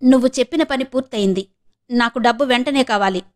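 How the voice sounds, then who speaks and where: Woman voicing angry menacing husband, storybook reading, teeth clenched, higher voice. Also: brisk, a little mellow, lightly acted. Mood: demanding. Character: angry threatening husband, middle-aged man. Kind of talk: audiobook character reading.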